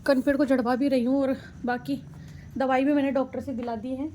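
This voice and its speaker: A woman's voice: high-pitched, little pitch movement, a little fast, dark tone, slight background noise. A woman, a mother, casually narrating a family vlog and talking straight to viewers while she cooks. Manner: chatty, talks straight to viewers while cooking.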